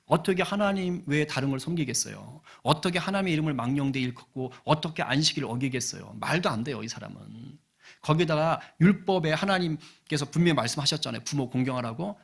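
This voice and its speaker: Husky-voiced middle-aged pastor preaching conversationally. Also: male voice, a little high, a bit bright. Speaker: senior pastor. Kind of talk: sermon. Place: church sanctuary.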